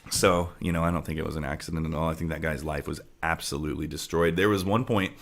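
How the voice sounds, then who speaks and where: This co-host has a bass voice and a steady tone, and he talks fast. Casual and loose on his true-crime podcast, he frequently asks "right?" and at times trails into laughter, all from a home near farm animals.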